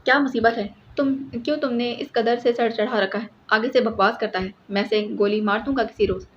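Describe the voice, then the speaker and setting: A woman's voice: on the high side, steady tone, fairly bright tone, lightly acted. A woman voicing a hot-tempered, blustering male police superintendent in an audiobook, with an angry, scolding tone. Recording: slightly muffled with faint hiss.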